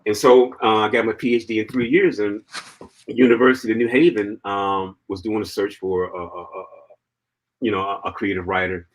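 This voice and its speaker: A man as an interview guest, telling his own story in an animated way, laughing often and filling his talk with "man" and "you know.". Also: fairly low pitch, a little fast, low-quality recording. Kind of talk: personal storytelling in conversation.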